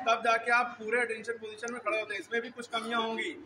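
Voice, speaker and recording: Over a noisy background, a man teaching school walks students through drill positions one step at a time, regularly asking if they understand. His voice is very high, his delivery flat, and he talks fast.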